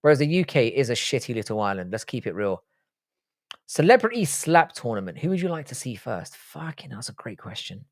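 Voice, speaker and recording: Sing-song and brisk, this medium-pitched male voice is recorded clean in a studio with no echo. A young host born in Ireland and brought up in the UK, he answers viewers on his stream with frank, foul-mouthed jokes.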